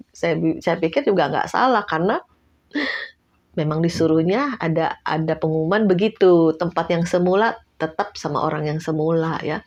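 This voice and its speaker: A woman's voice: lowish voice, breathy edge, highs cut off. A middle-aged woman evangelist telling a testimony in a sermon, speaking to the congregation as "saudara" and acting out the voices of others in her story. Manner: storytelling, addresses listeners as "saudara", acts out dialogue, laughs often. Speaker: evangelist preaching.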